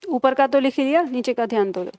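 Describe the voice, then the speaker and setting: Young female teacher, high voice, dry close mic, patient and step by step. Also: lively intonation, a little mellow, dry recording. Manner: patient, repeats key terms slowly, checks "theek hai?". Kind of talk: live online grammar class.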